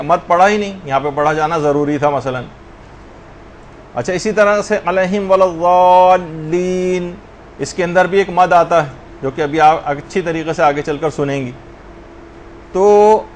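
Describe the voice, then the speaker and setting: A man's voice: high-pitched, a little hiss or hum. A man teaching a religious lesson, explaining patiently and drawing out sounds to demonstrate pronunciation. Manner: explanatory, drawn-out demonstrations of Arabic letters.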